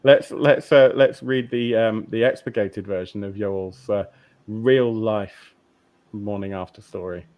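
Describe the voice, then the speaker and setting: A man with a fairly low voice hosts a relaxed podcast over a remote call. He teases the others and chuckles at his own asides. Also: measured pace. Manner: jokey, teasing, chuckles at his own quips. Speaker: podcast host. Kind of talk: casual podcast chat.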